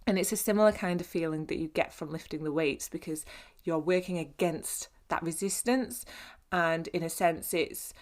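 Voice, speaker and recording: A woman speaks in a fairly low voice, as a fitness coach explaining things to her listeners. She talks in a relaxed, conversational way, encouraging and informal, often pausing on fillers and starting her sentences again. It is a podcast monologue with a chatty, down-to-earth feel.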